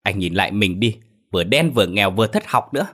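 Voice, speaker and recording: A man voicing an angry young village wife who scolds her husband loudly. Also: lowish voice, lively intonation, quick pace. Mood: furious scornful. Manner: loud, scolding, rising.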